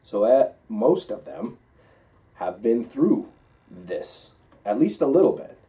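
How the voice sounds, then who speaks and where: This American man's medium-pitched voice is dark, slow and full of big pitch swings and vocal fry. Teaching pilots as a flight instructor, he gives an informal lecture with emphatic points and regular check-in questions, picked up by a faraway mic.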